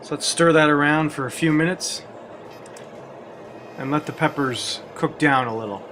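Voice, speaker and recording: A man's voice: fairly high pitch, normal speed, fairly bright tone, a little hiss or hum. A man hosting a cooking video, walking through a recipe step by step with wry, self-deprecating jokes. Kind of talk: cooking demonstration with jokey asides.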